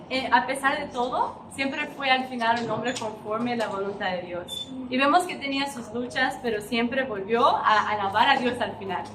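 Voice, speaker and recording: A young woman preaches in a loose, heartfelt, conversational way, tossing in frequent tag questions. Her voice sits high, and it carries through an echoey church hall from some distance away. Background noise runs underneath. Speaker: preacher at a women's gathering. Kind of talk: informal sermon.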